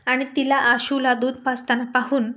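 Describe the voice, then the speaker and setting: A woman narrating a serialized romantic story in a steady, intimate storytelling manner. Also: high-pitched, normal speed.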